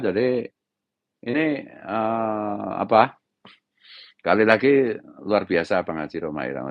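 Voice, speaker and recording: Man, Javanese accent, middle-aged, preacher, impassioned scolding monologue, fairly low voice, dry room. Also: no room sound, dull audio. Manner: harsh, raised-pitch scolding delivery; repeats "gitu loh" as a tag. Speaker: Islamic preacher giving commentary.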